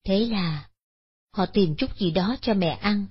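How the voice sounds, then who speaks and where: A woman tells a Buddhist moral story in a measured, solemn way. Her voice is husky, and the recording sounds dull and lo-fi. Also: mid-range voice. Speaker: narrator.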